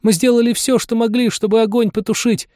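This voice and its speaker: A man's voice: very high-pitched, steady tone, brisk, mellow, no room sound, studio quality, pitched above the performer's own voice. A man voicing a cheeky thirteen-year-old boy apprentice in an audiobook, telling his story in a breathless, tearful rush. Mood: frantic. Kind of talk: audiobook character voice.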